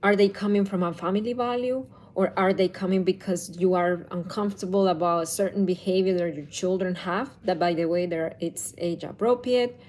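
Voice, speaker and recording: A woman likely in her thirties gives parenting advice on camera, thinking aloud at an unhurried pace and frequently backing up to rephrase. Her voice runs on the low side with a darkish tone.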